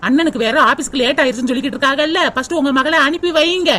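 A woman voicing a sharp-tongued, sarcastic young sister-in-law in a cartoon, with a grumbling manner. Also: high-pitched, racing, a little hiss or hum. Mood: annoyed.

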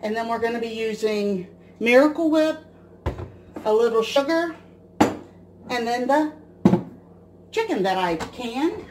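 This woman from the US Midwest, in her forties, sounds somewhat high and expressive, speaking slowly with frequent pauses. She's cooking at home and casually explaining a recipe step by step, captured by a camera mic at the counter amid background noise.

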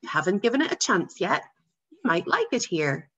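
Woman reading a stern father, measured and firm, dull lo-fi sound. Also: medium pitch, sing-song, a bit bright, slightly rough, heavily acted. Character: stern, patient father, a senior officer. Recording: dull lo-fi recording.

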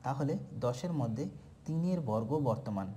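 A male tutor explains a maths shortcut, running through sums aloud in steady lists and answering questions he puts to himself. His voice is mellow and warm at a middle pitch, with a faint hum of noise behind him. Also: normal speed. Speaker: maths teacher. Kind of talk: step-by-step maths lesson.

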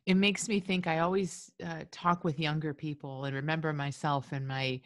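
A woman hosting a podcast on a video call, affirming her guests and thinking out loud in a conversational way. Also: sits low, fairly even intonation, normal speed, no room sound. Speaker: podcast host. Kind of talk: conversational interview. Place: home room indoors. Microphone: video call with earbuds.

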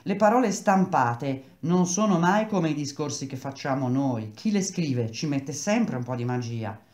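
A woman's voice: low voice, animated, a little slow, a little mellow. A woman voicing a stubborn, earnest bricklayer husband who explains things in an echoey room. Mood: explaining.

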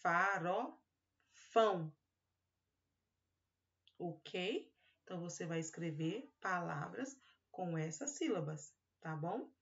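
Brazilian teacher drawing out syllables. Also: female voice, on the low side, expressive, vocal fry. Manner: drawn-out syllables and fond little-word talk to children. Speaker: kindergarten teacher. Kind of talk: recorded remote class for young children. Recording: lo-fi recording.

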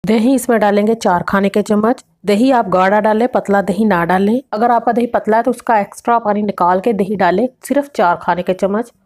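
Woman, cooking-channel host voicing over a recipe, methodical step-by-step delivery. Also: mid-range voice. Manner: steady step-by-step instructions with measured quantities.

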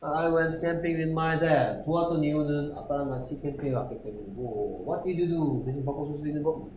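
A male English teacher going through a textbook dialogue in a classroom lesson. He reads the English lines slowly and deliberately and keeps asking his students whether they follow. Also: on the high side, darkish tone, slight background noise.

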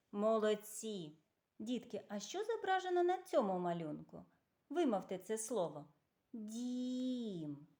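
Slow, patient woman teaching young children. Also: mid-range voice, darkish tone. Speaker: kindergarten teacher. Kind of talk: recorded preschool lesson.

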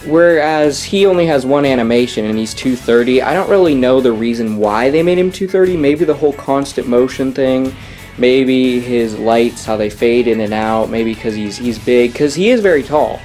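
A man's voice: medium pitch, normal speed, a little mellow, soft background music. A young man casually reviewing a Halloween prop in his bedroom, enthusiastic and rambling, correcting himself as he goes.

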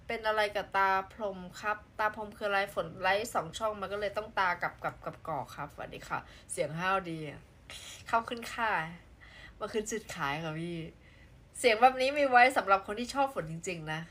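A playful woman from southern Thailand hosts a casual live stream and greets viewers as their comments roll in. Her talk is quick to burst into exclamations, with a faint hiss of noise underneath. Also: mid-range voice, fairly bright tone. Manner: chatty and playful, with frequent exclamations.

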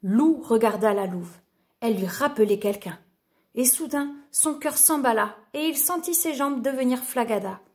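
A woman narrating a storybook for young children, gentle and expressive. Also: a little high, normal speed.

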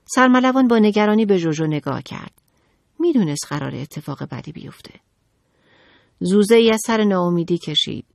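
A woman narrating a children's audiobook in an expressive, dramatic storytelling manner. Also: on the low side, gravelly, no room sound, clean studio sound.

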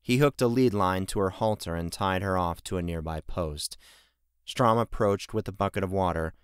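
A man reading fantasy audiobook narration in a measured, even way. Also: deep voice, smooth, dry recording, clean studio sound. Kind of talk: scripted narration.

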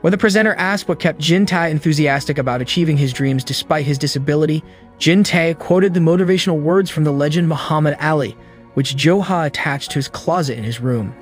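A man narrating a movie recap in a steady, scripted storytelling voice. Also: on the high side, fairly quick. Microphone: voice-over. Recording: narration over soft background music.

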